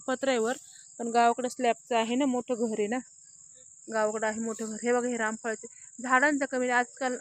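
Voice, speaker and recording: A woman's voice: fairly high pitch, no echo. Chatty woman filming her home. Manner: chatty, repeats "hey bagha" often. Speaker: vlogger. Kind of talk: casual home tour vlog. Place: outdoors at a village home at dusk.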